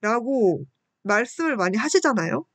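Fairly bright and on the high side, this woman's voice is very animated at normal speed, recorded without echo. A university student in her twenties, she hosts a radio-style show, reading listener messages and offering polite, self-deprecating personal reflections.

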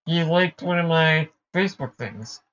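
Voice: mid-range voice, lively intonation, a little slow, a bit bright, lo-fi sound. A podcast co-host in casual chat, with dry, easygoing banter.

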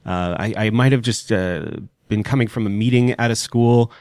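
A man's voice: fairly low pitch, moderate pace, darkish tone, clear, resonant tone, no room sound, clean studio sound. A man hosting a casual podcast, with a congested nasal voice as if pinching his nose, talking in a wry, dryly joking way. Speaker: podcast host.

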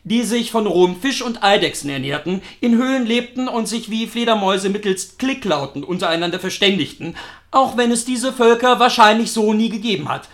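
A man's voice: high-pitched, lively intonation, a little fast, fairly bright tone. A man reading the lines of a secretive, pompous male professor in a lecturing, self-assured tone.

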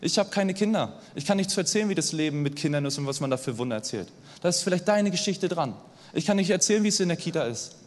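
A young man preaching a sermon in a lively, conversational way, often checking in with his listeners. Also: a little high, quick pace. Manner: lively, conversational, asks the audience "oder?" often. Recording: long hall reverb.

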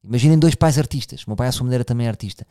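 Here a podcast host talks very fast in a warm, mid-range voice. He's in his thirties, has a European Portuguese accent, and muses aloud casually, often restarting and turning straight to his listeners.

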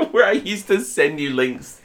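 A man co-hosting a podcast, talking in a casual, animated way and laughing often. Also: high-pitched. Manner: animated, laughs often, puts on quick voices. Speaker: podcast co-host. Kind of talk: casual chat.

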